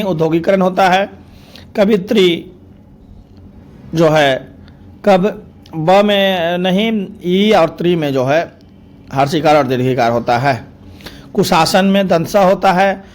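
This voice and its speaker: A male teacher running through spelling corrections word by word, stating each wrong form and then the right one in a steady, repetitive drill. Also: on the high side.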